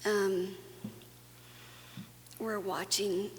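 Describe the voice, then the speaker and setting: A woman from Guatemala gives an earnest, conversational plenary talk to a faith audience at a conference, with fillers and restarts. Her mid-range voice is flat and very slow, and the hall adds long reverb and a faint hum.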